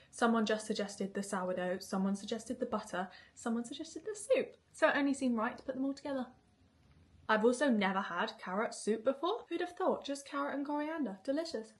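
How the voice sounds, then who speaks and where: Young british woman vlogging a taste test, breathy voice, chatty, half whispers now and then. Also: fairly high pitch. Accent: British English. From Britain. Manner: chatty, eating while talking, drops to half-whispers. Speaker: food vlogger. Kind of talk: casual taste-test vlog.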